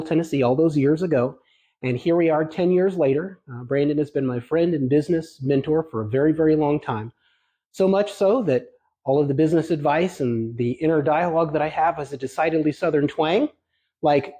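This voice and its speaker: Higher-pitched man with a mellow voice. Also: slightly rough, rough recording. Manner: warm, grateful, with fillers. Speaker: painting company owner. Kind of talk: recorded video testimonial.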